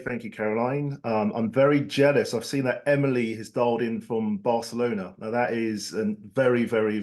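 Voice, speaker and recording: A man introducing himself as an executive on an online panel, chatty, effusive and emphatic. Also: mid-range voice. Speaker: panelist, company chief executive.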